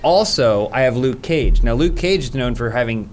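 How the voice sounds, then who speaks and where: A man's voice: mid-range voice, animated, normal speed, loud music behind the voice. A man explaining mobile game mechanics in an earnest, step-by-step way. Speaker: gameplay presenter. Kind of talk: explaining gameplay.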